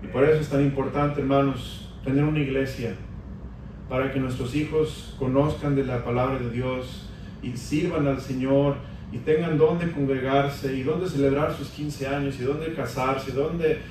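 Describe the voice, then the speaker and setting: A man's voice: mid-range voice, fairly even intonation, unhurried, darkish tone, a little hiss or hum. A man preaching a sermon as pastor, rising into emphatic stretches as he calls on the congregation. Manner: preaching with emphatic rises, addressing the congregation as brothers. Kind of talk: Spanish-language sermon. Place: large church hall. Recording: echoey church hall from a distance.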